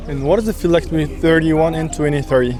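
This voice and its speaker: A man's voice: a little high, brisk. A man interviewing people on a street, asking short questions in non-native phrasing.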